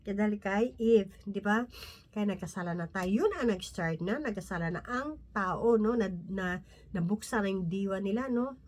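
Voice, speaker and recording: In an informal Bible talk, a woman serving as a lay preacher speaks at a medium pitch. Frequent tag questions, restarts and soft laughs mark her conversational delivery, and she reads scripture slowly from her notes.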